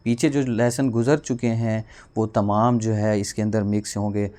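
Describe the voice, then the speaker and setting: A man teaching a Quran reading lesson, explaining rules quickly, then spelling out letters and drawing syllables out slowly. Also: fairly low pitch, level tone, mellow. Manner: fast explanations, then slow drawn-out syllables.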